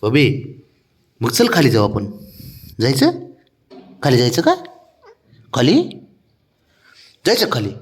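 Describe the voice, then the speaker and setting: A man talks to his cat in cajoling, affectionate baby talk. His pitch is animated, leaping high and dropping low as he coaxes. The voice sits at a middle pitch for a man. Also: slow, long pauses. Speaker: cat owner. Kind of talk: coaxing talk to a pet cat.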